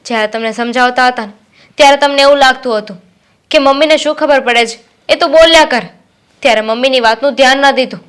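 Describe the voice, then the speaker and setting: A woman's voice: high-pitched, quick pace, fairly bright tone, smooth. An actress playing a young student daughter who reproaches her father firmly and is set on finishing her studies. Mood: reproachful. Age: young adult. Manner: reproachful, firm. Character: student daughter, resentful and determined. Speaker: daughter studying to be a pilot. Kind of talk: Gujarati short-film acting.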